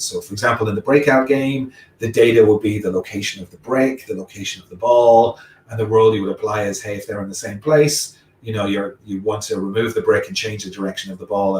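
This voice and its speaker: Recorded roughly on a distant mic in a reverberant space, a guest speaker with a lowish voice delivers a technical talk. His accent mixes Irish, Welsh, English and American influences, and he walks through examples one step at a time.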